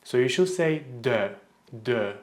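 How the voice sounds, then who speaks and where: A Turkish teacher with a Turkish accent gives a language lesson, speaking clearly and deliberately and slowing down to model words. His voice is mid-range, with lively intonation.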